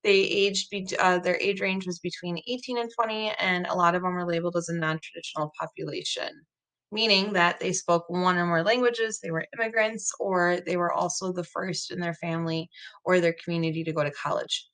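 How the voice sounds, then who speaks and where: A young adult woman whose first language is Croatian presents her research study over slides, earnestly explaining it with frequent "um" fillers. Her voice is fairly low, bright-ish, fairly quick and fairly even in intonation, recorded through a laptop webcam on a video call.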